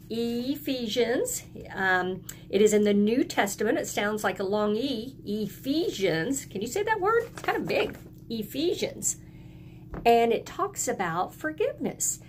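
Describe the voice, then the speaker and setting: An early elementary school teacher, a woman with a voice on the high side, gives a lesson to young children, encouraging them with simple phrases and prompting them to repeat after her. There's slight background noise.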